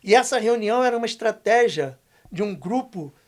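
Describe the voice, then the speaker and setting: An older man, a podcast guest telling a testimony story, emphatic and slangy, going hushed when quoting others. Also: sits high, animated, a little fast. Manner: emphatic, slangy, dips to a hushed voice for quoted lines.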